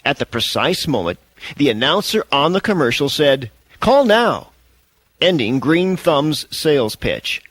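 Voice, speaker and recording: Man, audiobook narrator, measured expressive storytelling, lively intonation, dry close sound. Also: mid-range voice, dry recording, low-quality recording.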